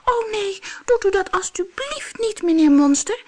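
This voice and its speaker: A squeaky little goat. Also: big pitch swings, normal speed, a bit bright, full character voice. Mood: pleading. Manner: squeaky, pleading. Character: tiny frightened young billy goat. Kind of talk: storybook reading.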